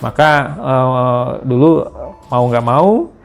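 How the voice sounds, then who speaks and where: A man, a guest in an interview, telling his life story in relaxed conversation with some hesitations. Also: mid-range voice, slow, vocal fry, music in the background.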